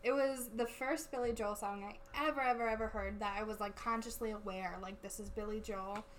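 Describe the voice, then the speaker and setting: A young woman guest on a casual podcast, chatty and quick to laugh, with lots of "like" fillers. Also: mid-range voice, steady tone, slight background noise. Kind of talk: casual chat.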